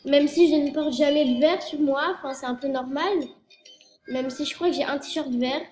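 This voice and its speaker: A woman's voice: high voice, moderate pace, a little mellow. A girl in her early teens from France, rambling through a casual vlog with lots of fillers and self-corrections, her nose stuffed up from a cold. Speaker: youtuber. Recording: echoey room with faint noise.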